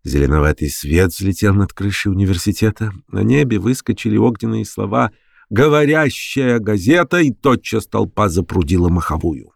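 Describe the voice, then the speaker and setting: A low-voiced man reads an audiobook with theatrical, lively intonation. The sound is dry and close to the mic. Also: brisk, creaky, hardly any pauses, husky, no room sound. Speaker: audiobook narrator. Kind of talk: expressive literary narration.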